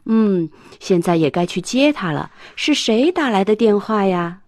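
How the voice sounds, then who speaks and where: A woman's voice: mid-range voice, expressive, measured pace, a little mellow, no room sound, studio quality, natural voice. A woman voicing a caring mother in a children's storybook reading, tender and affectionate. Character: caring mother, gentle then alarmed.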